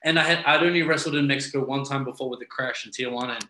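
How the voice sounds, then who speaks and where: A man's voice: mid-range voice, steady tone, quick pace, pushed and bright, reverberant. A man with a New Zealand accent chatting casually as an interview guest, rambling and circling back over his phrases. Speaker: interview guest, professional wrestler.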